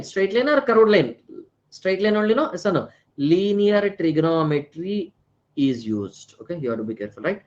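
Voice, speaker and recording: A man's voice: high-pitched, lo-fi sound. An Indian-accented man lecturing live online as a teacher, repeating phrases, checking with tag questions and mixing Hindi words into English. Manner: repeats phrases, frequently tags questions with right and na.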